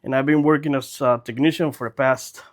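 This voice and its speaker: A man's voice: medium pitch, fairly even intonation, a little fast. A man in his forties with a Mexican accent, a native Spanish speaker, chatting casually as a podcast guest telling his story. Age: 40s. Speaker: podcast guest, dental technician.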